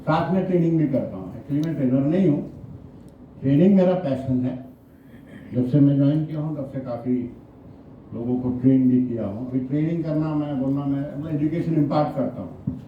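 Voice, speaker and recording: A man's voice: medium pitch, brisk, slight background noise. A man from Kerala giving a talk to a live audience, asking them questions and mixing English into his Hindi. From Kerala, India. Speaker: motivational speaker and trainer. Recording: echoey distant hall recording, muffled.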